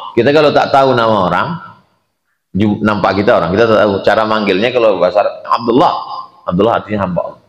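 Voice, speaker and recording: A man giving a sermon, reciting Arabic phrases and translating them with animated, sudden jumps in pitch. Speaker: Islamic preacher. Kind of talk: sermon teaching a hadith. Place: large echoing hall at a dawn gathering. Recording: roomy hall reverb.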